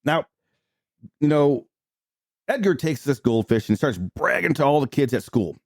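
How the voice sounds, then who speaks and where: Podcast host, man, animated storyteller, close dry mic. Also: a little high, a little slow, no room sound. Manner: chatty, retelling plot with filler words. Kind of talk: casual movie recap chat.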